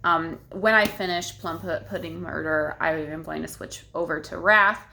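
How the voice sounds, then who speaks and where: Young woman vlogger, lowish voice, rambling casual diary talk from home. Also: steady tone, moderate pace, vocal fry, sharp tone, a little hiss or hum. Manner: chatty, many fillers like "like" and "um". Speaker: book vlogger.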